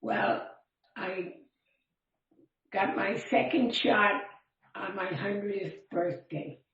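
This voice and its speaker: A woman's voice: mid-range voice, drawn-out words, distant mic, lo-fi sound. Very old woman on a roomy video call. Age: 100. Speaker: talk show guest. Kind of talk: casual interview chat. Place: indoors on a video call, faint music behind.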